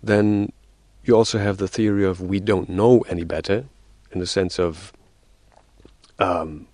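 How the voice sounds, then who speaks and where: Low-pitched and a little mellow, a man's voice comes through with no room sound as he guests on a radio interview. He explains things at length, hesitating often with fillers and restarts, and works through numbered theories.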